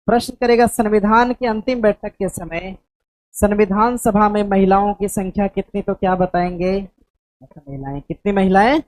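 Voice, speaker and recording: A woman's voice: medium pitch, normal speed, darkish tone, dry recording, rough recording. A woman teaching an exam coaching class, quizzing her students with questions and frequent checks that they follow. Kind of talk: classroom quiz review.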